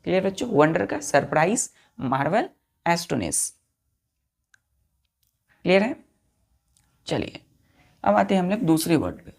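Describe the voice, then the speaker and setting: Woman, vocabulary teacher, low gravelly voice, spells and drills words for kids. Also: sing-song, measured pace, pauses often, a little mellow. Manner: spells words letter by letter, repeats and quizzes pupils; addresses listeners as children. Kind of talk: classroom-style lesson.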